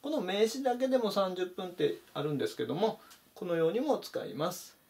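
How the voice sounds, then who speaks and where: Casting: male English teacher, slightly high voice with a lot of pitch movement, methodical lesson delivery. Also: expressive, fairly quick, creaky, darkish tone. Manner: methodical, stresses pronunciation points. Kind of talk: explanatory vocabulary lesson.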